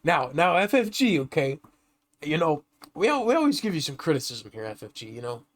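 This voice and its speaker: A man co-hosting a casual gaming podcast, telling stories animatedly and jumping high when he acts out reactions. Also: big pitch swings, fairly quick, a little hiss or hum. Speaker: podcast co-host.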